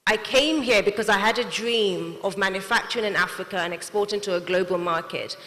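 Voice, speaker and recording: In a large hall thick with long reverb, a young woman who runs a manufacturing company gives an earnest prepared talk to an audience. She is not from Nigeria, and her mid-range voice moves briskly with a fairly bright tone.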